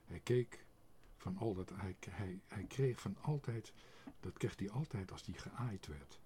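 A man reading a children's book aloud, expressive and sometimes dropping to a whisper. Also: low-pitched, unhurried, a little hiss or hum. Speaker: narrator.

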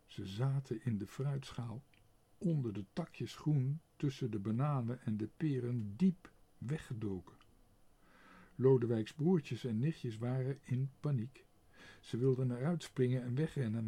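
A man's voice: medium pitch, breathy edge. Een man met een hese stem die langzaam en expressief een kinderboek voorleest. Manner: slow and expressive. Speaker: reader. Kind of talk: reading a children's book aloud.

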